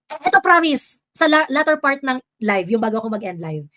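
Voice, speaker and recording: Filipino lady doing her live stream, kinda high voice, lots of ums and "di ba", gets exasperated. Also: sing-song, fairly quick, pushed and bright. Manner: switches between Tagalog and English, many fillers, rising exasperation. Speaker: political live-stream host reading viewer comments. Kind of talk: casual live-stream commentary.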